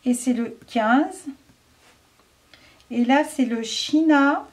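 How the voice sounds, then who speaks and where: A woman's voice: high voice, very slow. A French woman casually reviewing craft markers, chatty and hesitant, thinking aloud with many fillers.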